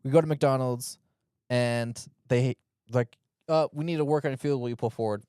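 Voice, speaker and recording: A young man co-hosting a casual chat, telling a lively story and mimicking other voices. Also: medium pitch, normal speed, clear, resonant tone, no room sound, studio quality. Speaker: podcast co-host.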